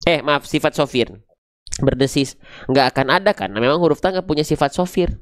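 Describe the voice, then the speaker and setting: A man teaching Quran recitation, patiently repeating and drilling syllables slowly. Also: on the high side, smooth, dry recording, clean studio sound. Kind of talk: online pronunciation lesson.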